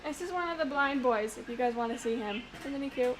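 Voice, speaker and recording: A woman chats excitably on a home stream, rambling from one game theory to the next. Her voice sits a little high, and a steady hiss of background noise runs under her words. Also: a little fast. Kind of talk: casual chat. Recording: noisy home stream audio.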